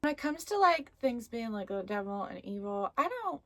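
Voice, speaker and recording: A woman's voice: on the high side, sing-song, normal speed, a bit bright, no echo. A woman hosting a casual, chatty video where she reads stories and talks playfully to viewers and the things around her. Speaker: host of a haunted doll story video. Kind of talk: casual chatty vlog with story reading.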